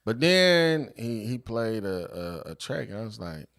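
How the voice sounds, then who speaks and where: Chill guy w a lowish voice spinning a story on a podcast, lots of slang. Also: big pitch swings, unhurried, creaky, fairly bright tone. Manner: laid-back, loose slang, tells stories. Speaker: podcast host. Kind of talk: casual storytelling chat.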